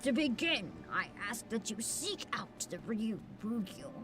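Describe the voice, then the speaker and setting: A woman voicing a very old, formal man from a video game, speaking in courtly, measured phrases as he earnestly asks for help. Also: fairly high pitch, sing-song, fairly bright tone, faint music behind, voice pushed down. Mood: earnest, troubled.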